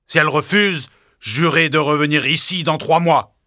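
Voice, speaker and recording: A man voicing a fearsome male beast who speaks sternly and commands loudly in an audiobook story. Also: on the high side, normal speed, no room sound, clean studio sound. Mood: menacing. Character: fearsome male beast, castle lord, harsh. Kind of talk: audiobook drama.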